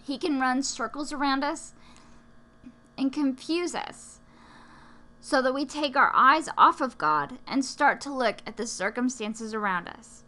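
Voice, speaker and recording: Slow, bright-voiced woman co-hosting devotionals. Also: high-pitched. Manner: encouraging, gently preachy. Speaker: podcast co-host.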